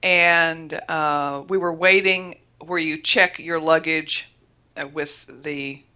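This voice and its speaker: Florida woman guest telling a story, bright and forceful voice, lowish. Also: takes it slowly, clean tone. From Florida, USA. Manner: lively storyteller, self-correcting, laughs often. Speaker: guest, mindset coach. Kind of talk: storytelling in an interview.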